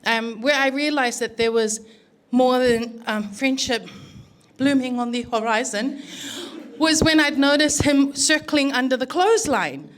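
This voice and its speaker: A woman's voice: high-pitched, a little slow. A middle-aged woman with a New Zealand accent, the groom's mother, giving a wedding speech full of acted-out family stories. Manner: animated storyteller, acts out family dialogue, laughing often. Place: wedding reception.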